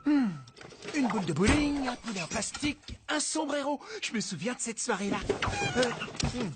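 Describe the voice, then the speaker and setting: A man voicing a mild, dithering father in a French animated family comedy. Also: extremely high pitch, normal speed, heavy background noise. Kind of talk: French animated series dub. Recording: music behind the voice.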